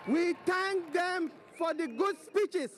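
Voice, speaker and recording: A man's voice: very high voice, lively intonation, slow, a bit bright, a little hiss or hum. A man giving an emphatic, rhetorical protest speech into a handheld mic in a crowded conference hall. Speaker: protest speaker.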